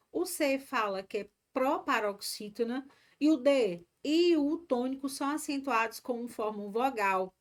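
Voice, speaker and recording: A woman from Ceará teaches a live online grammar class in a fairly high voice. She talks chattily and encourages her students between points. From Ceará, Brazil.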